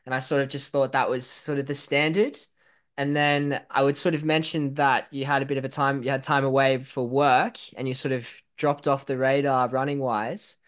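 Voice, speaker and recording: A man's voice: mid-range voice, little pitch movement, moderate pace, fairly bright tone, smooth. A man hosting a podcast in a casual, chatty style. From outside Northern Ireland. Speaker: podcast host. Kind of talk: casual chat.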